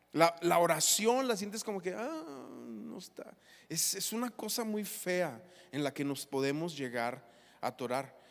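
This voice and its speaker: A man, a pastor preaching a sermon and telling personal stories in an animated, emotional way. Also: sits high. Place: church hall. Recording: reverberant church hall.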